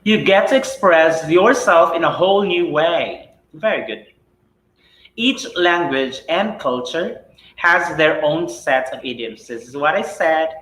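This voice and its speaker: A Filipino man whose first language is Cebuano teaches a live English lesson with a Filipino accent, chatting freely and tagging rhetorical questions with "right?" and "okay?". His voice is fairly high and bright, and the poor audio carries room echo.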